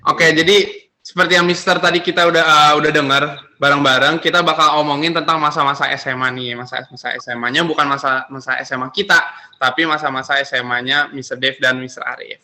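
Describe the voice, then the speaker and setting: A teenage boy hosting a school podcast in casual chat, relaxed and a little hesitant with fillers. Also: a little high, quick pace, a little hiss or hum. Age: teens. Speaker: student podcast host.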